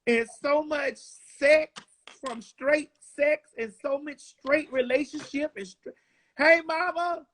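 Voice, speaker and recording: A woman's voice: high-pitched, takes it slowly, slight background noise. Blunt, profane woman in her forties. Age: 40s. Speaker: interviewee. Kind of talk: casual interview chat.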